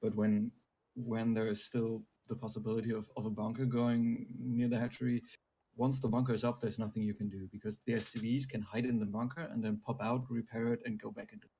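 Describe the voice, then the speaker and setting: A man's voice: fairly low pitch, flat delivery, a little fast, mellow, slightly rough. A man from Germany explaining strategy as a guest player, often checking in with "right?". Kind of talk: casual game analysis.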